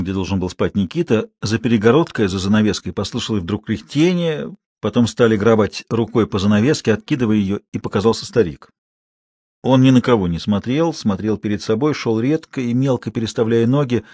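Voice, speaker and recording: A male storyteller reads prose in a measured way. His voice is slightly husky, recorded dry with no room sound. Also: lowish voice, warm tone, dry recording. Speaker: narrator. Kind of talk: audiobook narration.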